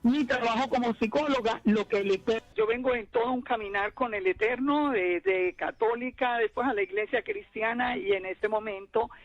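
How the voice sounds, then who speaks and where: A woman in her fifties, a Torah teacher answering radio interview questions in an earnest, measured way. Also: a little high, lo-fi sound. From Colombia. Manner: earnest, measured storytelling with restarts.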